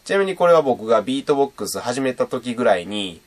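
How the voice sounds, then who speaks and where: A young man from Japan talks at a quick pace in a mid-range voice, casually teaching beatboxing on his channel. He stays chatty and animated, demonstrating sounds as part of the video lesson.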